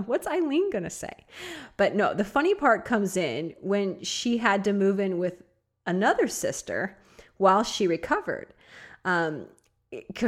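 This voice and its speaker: A woman talks alone on her podcast in a relaxed, chatty way. Her voice sits a little low, and she tells stories while she keeps breaking into giggles. She also coaches and encourages her listeners directly. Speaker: podcast host. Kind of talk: casual solo podcast monologue.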